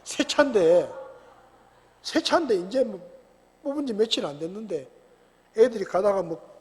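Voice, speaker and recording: A middle-aged male pastor from South Korea preaching a sermon, full of rhetorical questions and sudden shouted bursts. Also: sits high, animated, moderate pace, breathy edge, big-room sound. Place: church sanctuary.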